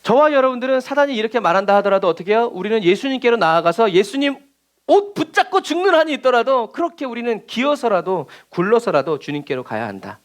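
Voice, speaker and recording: A man's voice: very high-pitched, very animated, quick pace. A male pastor giving a sermon at a prayer meeting in church, emphatic and full of rhetorical questions.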